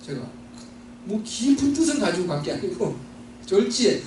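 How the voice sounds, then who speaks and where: A man from Seoul telling his own story in a sermon, earnest, with slow emphatic stretches. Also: high-pitched, very animated, darkish tone, slight background noise. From Seoul, South Korea. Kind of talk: sermon testimony. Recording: distant mic in echoey hall.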